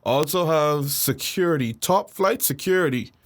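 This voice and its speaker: A man's voice: a little high, normal speed. A man co-hosting a casual podcast, mocking and ranting with frequent laughter. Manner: laughs often, mocking and animated. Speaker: podcast co-host. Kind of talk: casual comedic rant.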